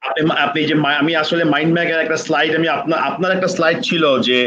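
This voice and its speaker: A man's voice: a little high, level tone, rapid-fire, sharp tone. A man moderating a live online training session, polite and hesitant with many fillers, heard over a video call. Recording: dull lo-fi call audio with faint noise.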